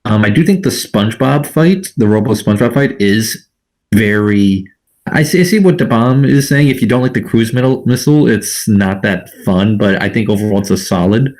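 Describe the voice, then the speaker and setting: A man with a low voice co-hosts a gaming podcast. He walks through how games are built in a calm, step-by-step way that sounds carefully thought out. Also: normal speed. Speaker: podcast co-host. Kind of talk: casual gaming podcast chat.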